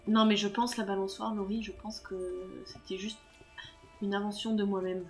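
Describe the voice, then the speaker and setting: A woman's voice: mid-range voice, flat delivery, normal speed, darkish tone, soft background music. A woman chatting casually with her viewers while live-streaming a game, self-mocking and laughing at her own mistakes. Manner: self-mocking, talks to chat, laughs often.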